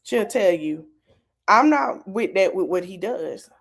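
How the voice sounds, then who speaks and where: A woman's voice: medium pitch, measured pace. A woman hosting a podcast, chatting casually and animatedly. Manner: animated, laughs, acts out quotes. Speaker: podcast host. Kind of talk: casual commentary chat.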